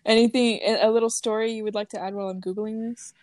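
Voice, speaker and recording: A woman's voice: on the high side, a little mellow, no room sound, studio quality. A young woman co-hosting a podcast in casual chat, rambling with lots of fillers and frequent laughs. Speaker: podcast co-host.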